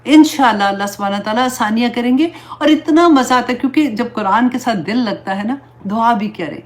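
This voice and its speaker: A woman Islamic teacher giving an earnest, pleading religious talk, slipping English words into her speech. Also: fairly high pitch.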